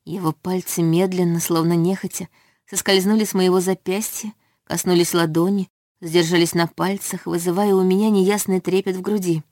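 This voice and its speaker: Woman, audiobook narrator, first-person narration, low voice, dry sound. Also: level tone, normal speed, darkish tone, no echo.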